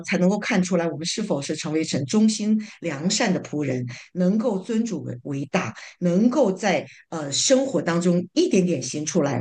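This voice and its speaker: A woman with a fairly low voice that rises and falls a lot, sharing thoughts from her church group. She talks in a halting way, full of fillers and restarts. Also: a little mellow. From living in North America. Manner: halting, many fillers and repeated words. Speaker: church small group member giving a summary.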